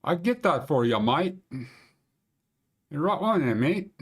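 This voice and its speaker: A man's voice: fairly high pitch, big pitch swings, a little slow, breathy edge, voice pushed up, full character voice. A man putting on a cheery Australian woman's voice for a phone assistant, saying mate often. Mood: chirpy. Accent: Australian, put on.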